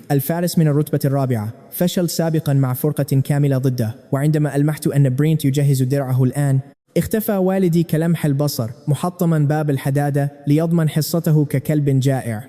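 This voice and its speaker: A man reads a story aloud in a steady, dramatic way. His voice is very dark and mellow, and he moves at a brisk pace. A long reverb trails each phrase. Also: fairly high pitch. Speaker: narrator. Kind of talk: scripted story narration.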